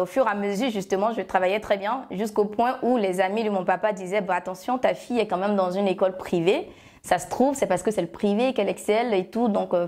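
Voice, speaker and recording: A woman in her thirties from Côte d'Ivoire, whose first language is Agni, speaks with an Ivorian French accent as a guest and founder of a love shop. Her relaxed interview answers are full of fillers and self-corrections, at medium pitch, captured on a lapel mic in a bright studio room.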